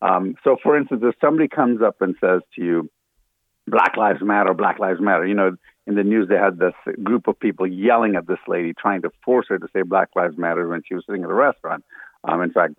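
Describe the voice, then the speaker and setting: A low-pitched man, born in Ghana and raised in Africa, earnestly explains his view as a guest in a radio interview. He uses many fillers and restarts, and the recording is dry and tinny, as over a phone line.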